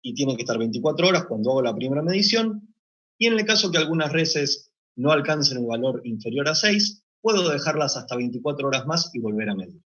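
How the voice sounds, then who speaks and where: A man delivers a technical conference presentation in a husky, slightly breathy voice of middling pitch. He explains step by step in a measured way, pausing now and then to find a word. The recording sounds dull and lo-fi. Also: big pitch swings, a bit bright. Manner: measured, explanatory, occasional hesitations. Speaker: meat plant deputy manager presenting.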